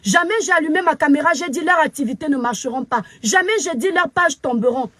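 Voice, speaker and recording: Cameroonian woman commentator, shrill high voice, dry close sound, preachy angry rant. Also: a little fast, fairly bright tone, no echo. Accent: Cameroonian French. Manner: scolding, preachy, emphatic repetition. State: very upset. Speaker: social media commentator. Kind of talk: angry live video rant. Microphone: phone camera.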